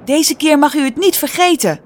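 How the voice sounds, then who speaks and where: A woman's voice: fairly high pitch, very animated, moderate pace, darkish tone, slight background noise, pitched above the performer's own voice. A woman voicing a brave twelve-year-old girl who talks urgently with a raised voice.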